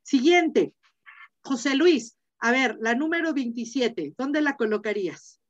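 A woman's voice: high-pitched, lively intonation, a little slow. A middle-aged woman with a Mexican accent teaching a Latin class online, chatty and full of fillers, often asking her students questions. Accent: Mexican Spanish. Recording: dull lo-fi video call audio.

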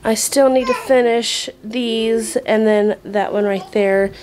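A young home vlogger, speaking in a fairly high, slightly mellow voice with fairly even intonation and a slow pace, shows what she's working on indoors at night. She's casual and chatty, often whispering. The handheld phone audio is poor, with some hiss or hum.

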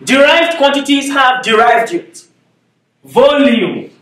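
In an indoor classroom, a Nigerian-accented man in his thirties explains physics step by step at the whiteboard, frequently checking in with "okay?". He speaks slowly in a very high-pitched, expressive, fairly bright voice. A distant camera picks him up, so the sound is echoey and far off.

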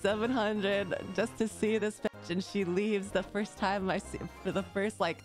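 A woman's voice: medium pitch, steady tone, a little slow, faint music behind, rough recording. A woman streamer ranting casually on a livestream in an exasperated, slangy, sweary way.

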